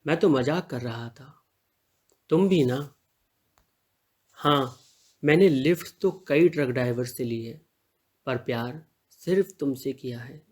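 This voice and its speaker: A man's voice: medium pitch, slow, long pauses. A man reading the part of a lovestruck young male college student in an audio story, earnest and pleading. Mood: affectionate.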